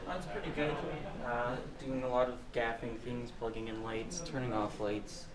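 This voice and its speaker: A man's voice: medium pitch, moderate pace, low-quality recording. A man on a film crew giving short, casual, understated interview answers. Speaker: film crew gaffer and set photographer. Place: indoors, hotel room film set. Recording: busy set chatter behind, handheld camera.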